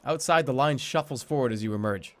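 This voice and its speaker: With slight background noise, a man with a mid-range voice talks a little fast as he streams a game. He alternates between dramatically reading the story text and dropping informal, offhand commentary.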